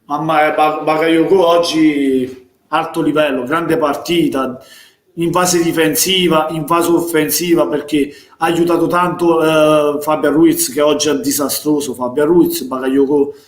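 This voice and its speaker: A man with a Neapolitan accent, a passionate football fan calling a live match, going hoarse as he shouts encouragement. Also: on the high side, fairly even intonation, measured pace, echoey room. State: losing his voice. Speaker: fan streamer doing live match commentary. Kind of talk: excited live football watch-along commentary.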